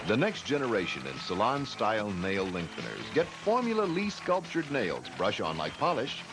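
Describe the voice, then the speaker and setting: A man's voice: on the low side, wildly swooping pitch, normal speed. An American man announcing game show prize plugs in a punchy salesman delivery. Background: music.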